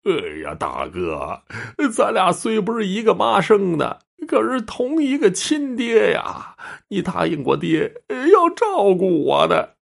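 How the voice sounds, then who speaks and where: A man's voice: high-pitched, wildly swooping pitch, slow pace, gravelly, hardly any pauses, pitched above the performer's own voice, heavily acted. A man voicing a cowardly gambler who whines and begs his older brother for help, in a spoken story. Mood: whining pleading. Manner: whining, pleading.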